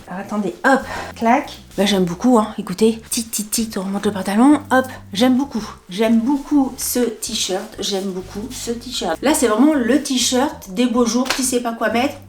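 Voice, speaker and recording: Her pitch fairly high and her tone a little mellow, a fashion haul vlogger tries on clothes in a relaxed, chatty way. She laughs frequently, talks to herself, and leans on filler words and playful noises.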